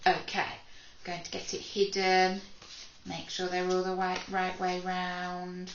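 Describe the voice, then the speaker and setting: A woman teaching a phonics lesson to young children to camera, speaking slowly and clearly with frequent praise. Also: fairly low pitch, monotone, roomy sound, dull audio, slight background noise. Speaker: primary school teacher.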